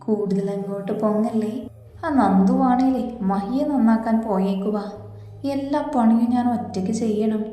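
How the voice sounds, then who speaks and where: A woman's voice: fairly high pitch, normal speed, warm tone, roomy sound, long reverb tail, faint music behind, lightly acted. A woman voicing a chatty young woman with a mocking manner in a storybook reading.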